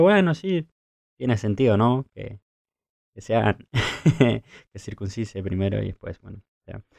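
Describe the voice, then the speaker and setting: A man's voice: lowish voice, vocal fry, mellow, no echo. A man co-hosting a podcast, telling Bible stories in reflective religious talk with a thoughtful storytelling manner. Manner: thoughtful storytelling with occasional chuckles. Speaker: podcast co-host.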